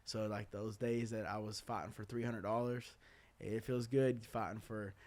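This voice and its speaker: A man's voice: on the low side, flat delivery, normal speed, a little mellow. A young man hosting a podcast, telling his story candidly with lots of "uh" and "man". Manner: earnest, candid, loose talk full of "uh", "man", "dude". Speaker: podcast host.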